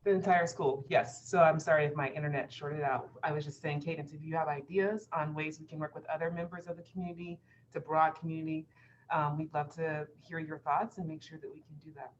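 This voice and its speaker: Role: community development manager. Sex: woman. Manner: polite, measured, with light hesitations. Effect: cutting-out internet connection on a video call. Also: low voice, level tone. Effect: choppy, cutting-out internet connection. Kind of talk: answering questions in a virtual info session. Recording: dull lo-fi video call audio with faint noise.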